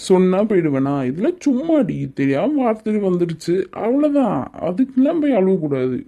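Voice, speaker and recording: A woman's voice: medium pitch, big pitch swings, a little fast, mellow. A woman voicing a teasing, lovestruck young man in a cartoon, coaxing and playfully bossy. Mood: soothing. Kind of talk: cartoon voice acting.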